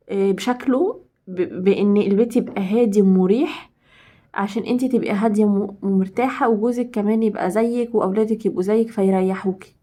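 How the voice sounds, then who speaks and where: A woman's voice: mid-range voice, warm tone. A woman with an Egyptian accent giving emphatic, casual home advice to women and repeating points for stress. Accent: Egyptian Arabic.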